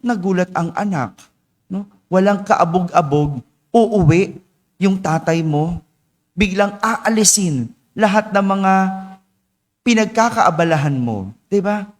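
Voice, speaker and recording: A male priest giving a homily at morning mass, chatty and teasing the congregation with quick asides. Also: high-pitched, animated. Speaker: parish priest. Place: church. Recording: long church reverb.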